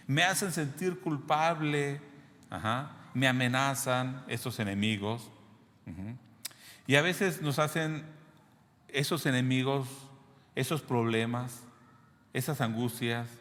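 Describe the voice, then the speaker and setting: A man's voice: medium pitch, a bit bright, in a large hall. A man preaching a sermon in a conversational way, often checking in with his listeners. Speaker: pastor.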